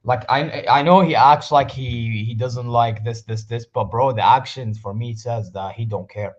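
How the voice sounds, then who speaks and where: A man's voice: medium pitch, normal speed, dull audio. A man chatting casually as a wrestling fan co-host, slangy and repetitive, often saying bro. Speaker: wrestling talk show co-host. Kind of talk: casual chat, fan debate.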